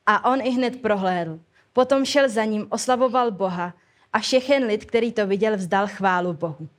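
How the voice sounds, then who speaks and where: A woman preaching an informal sermon at a church service and leading a prayer, speaking conversationally with many hesitations and colloquial phrasing. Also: on the high side.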